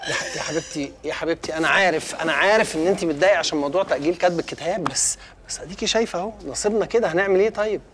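An older man with an Egyptian Arabic accent playing an injured journalist who talks fast and flustered while dodging his own wedding. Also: fairly high pitch, fairly bright tone, slight background noise. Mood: evasive.

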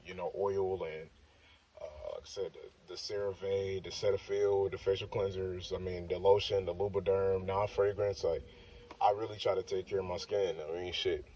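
In a casual self-filmed clip, a young fitness vlogger rambles to the phone propped on his parked car's dashboard. He repeatedly circles back with "like I said" and "you know what I'm saying." He speaks at a normal pace in a low, level, warm voice. The phone audio is dull and slightly distant, with slight background noise.

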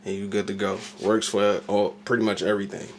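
Filmed on a noticeably noisy amateur camera in a small home kitchen, this young American vlogger talks casually and slangily as he cooks, with an offhand air. His voice is low-ish, flat in delivery, and a little fast.

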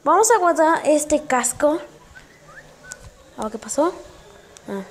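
A woman giving casual gameplay commentary for her channel, excitable and yelping often, with direct shout-outs to viewers. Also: high voice, takes it slowly, a little hiss or hum. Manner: excitable, with frequent yelps and exclamations. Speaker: gaming channel host.

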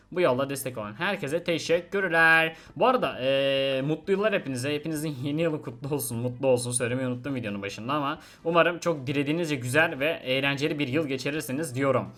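A young man giving casual, excitable commentary while playing a mobile game, chatting to his viewers. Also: on the high side. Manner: chatty, excitable, swears oaths, addresses viewers. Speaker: gaming video host.

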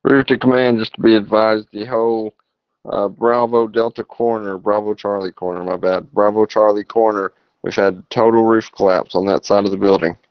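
A firefighter speaking in terse procedural phrases over a two-way emergency radio, like ambulance radio traffic. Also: male voice, lowish voice, fairly even intonation, moderate pace, clear, resonant tone, no echo. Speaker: firefighter on roof crew. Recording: dull lo-fi radio transmission.

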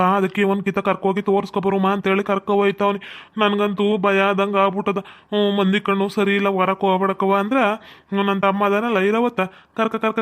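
An anxious young village husband, played by a man in a comedy skit, explaining himself quickly. His voice is high, clear and very flat.

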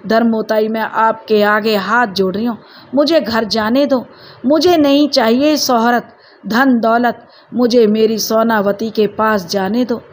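A woman's voice: on the high side, steady tone, measured pace, a little hiss or hum, natural voice. A woman doing a pleading young wife. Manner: pleading, tearful.

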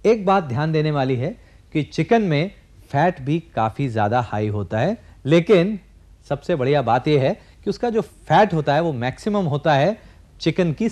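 Man, 40s, cooking show host, higher voice, step-by-step instructions, studio kitchen, clip-on mic. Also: a little mellow. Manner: explains step by step, addresses viewers directly. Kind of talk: cooking demonstration.

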